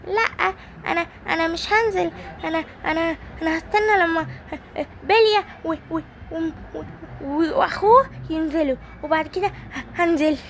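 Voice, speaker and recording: A woman's voice: very high-pitched, normal speed, a little hiss or hum, voice pushed up. A woman voicing a timid toy friend who stammers and hesitates. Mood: hesitant.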